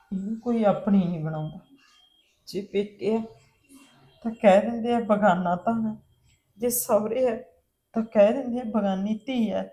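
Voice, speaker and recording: A woman's voice: medium pitch, dark tone, close to an everyday voice. An actress playing a wounded aunt who plaintively complains that no home counts her as its own. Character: hurt aunt who lives with her brother's family. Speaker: sister-in-law, married daughter of the house. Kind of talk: Punjabi family drama acting.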